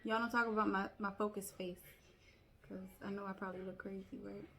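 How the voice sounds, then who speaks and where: A young woman chatting excitedly while making a crafting tutorial, calling viewers y'all. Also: mid-range voice, a little fast. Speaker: crafting vlogger. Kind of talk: casual crafting tutorial chat.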